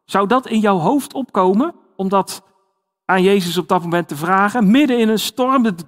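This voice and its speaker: A man's voice: high voice, normal speed, in a large hall. A man giving a conversational sermon, with many fillers and restarts. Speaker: preacher.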